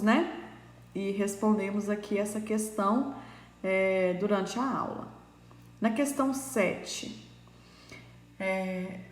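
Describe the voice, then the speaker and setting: A woman primary school teacher, patiently going over answers in a recorded lesson with frequent fillers. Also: mid-range voice. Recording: echoey room with long reverb.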